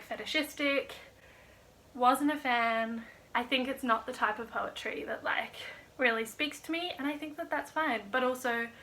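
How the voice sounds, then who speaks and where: A woman's voice: a little high, sharp tone, slight background noise. A woman casually rambling through a monthly book wrap-up, chatty and wry, with plenty of "like" and "um". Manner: wry and self-mocking. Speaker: book vlogger.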